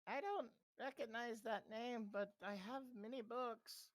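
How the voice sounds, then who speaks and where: A man's voice: very high voice, steady tone, unhurried, dry recording, voice pushed up. A man voicing a weak, hesitant elderly woman in a tabletop game. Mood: meek. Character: frail, timid elderly woman reader.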